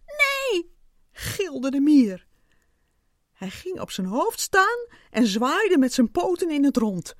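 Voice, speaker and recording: A woman's voice: high-pitched, sing-song, takes it slowly, no room sound, studio quality. A woman narrating a children's story, reading expressively and unhurriedly.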